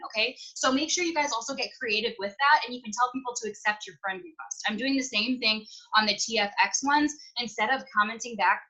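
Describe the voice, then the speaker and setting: Woman, bright and lively, higher voice, casual team pep talk, video call. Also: rough recording. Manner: chatty, upbeat, talks fast with many "like"s and "you guys". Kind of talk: casual motivational team chat.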